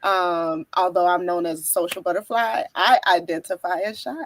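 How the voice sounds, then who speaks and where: A woman's voice: lowish voice, steady tone, normal speed. A woman from the south side of Chicago, a guest author on a video call interview, who sounds upbeat and friendly.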